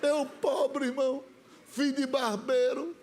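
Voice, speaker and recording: A man with a Brazilian accent preaching a sermon as comic, lively storytelling. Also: extremely high pitch, a little slow, a little hiss or hum. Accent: Brazilian Portuguese. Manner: lively, comic storytelling that mimics the voices he describes. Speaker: pastor.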